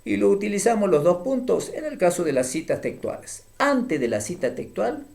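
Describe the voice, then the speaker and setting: A man gives a spoken grammar lesson in a patient, explanatory way. His voice sits a little high for a man and has a gravelly edge. He moves his pitch around a great deal as he stresses his examples. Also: big pitch swings, normal speed, darkish tone. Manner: patient, explanatory, with frequent checking "¿mm?" tags. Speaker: teacher.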